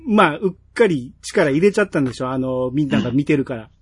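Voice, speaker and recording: A man with a Kansai accent, co-hosting a casual podcast chat about a TV drama, telling scenes in a lively way. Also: fairly high pitch, quick pace, slightly rough, dry recording. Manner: chatty, animated storytelling with acted-out quotes. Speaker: podcast co-host.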